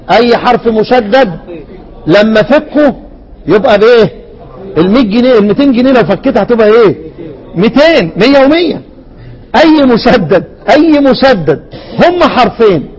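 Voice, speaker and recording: High-voiced Egyptian sheikh quizzing his class. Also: a little mellow, low-quality recording. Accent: Egyptian Arabic. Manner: keeps quizzing the class with rhetorical questions; repeats and drills word forms. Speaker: sheikh teaching Quran recitation. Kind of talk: classroom lecture.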